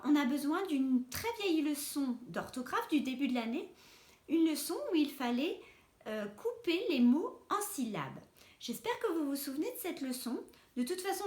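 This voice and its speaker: A woman's voice: high-pitched, echoey room. A woman teacher giving a spelling lesson to children, patiently sounding out words syllable by syllable. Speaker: primary school teacher.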